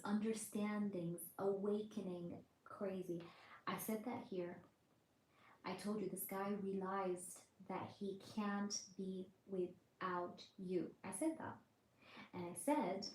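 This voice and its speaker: A woman's voice: medium pitch, a little mellow. A woman doing a live-streamed tarot reading, relaying messages in the first person, repeating phrases and greeting chat viewers by name. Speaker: tarot reader. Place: indoors at night with others nearby. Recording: roomy echo, faint background noise.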